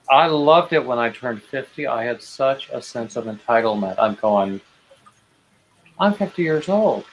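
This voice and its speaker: Slow, self-deprecating man in his fifties. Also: medium pitch, fairly bright tone, slight background noise, low-quality recording. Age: 50s. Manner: self-deprecating, hesitant, with many restarts and dry jokes. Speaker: host of a knitting livestream. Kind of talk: casual chat while knitting.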